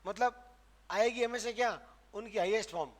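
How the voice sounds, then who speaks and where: A man's voice: high voice, moderate pace. A man. He lectures in an emphatic way, putting questions to the room and answering them himself before moving on. He repeats sounds with extra stress so the students can hear the difference. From Rajasthan, India. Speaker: Hindi grammar teacher. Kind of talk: classroom lecture. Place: classroom.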